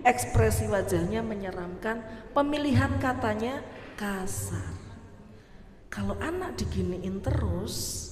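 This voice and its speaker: A woman's voice: mid-range voice, darkish tone. A middle-aged woman gives a parenting talk at a mosque, often quizzing her listeners with either-or questions. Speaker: parenting speaker. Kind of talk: religious study talk on parenting. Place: mosque hall. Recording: echoey hall with faint ambience.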